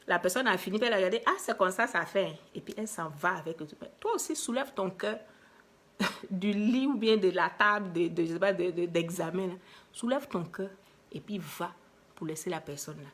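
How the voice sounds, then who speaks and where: Animated Ivorian woman giving a motivational talk. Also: lowish voice, moderate pace. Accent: Ivorian French. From Ivory Coast. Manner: emphatic and animated, with repetitions and rhetorical questions. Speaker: motivational speaker. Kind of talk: inspirational live talk.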